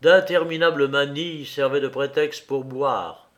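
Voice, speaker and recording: A man reading a novel aloud as narrator, in measured, unhurried storytelling. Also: mid-range voice, steady tone, a bit bright.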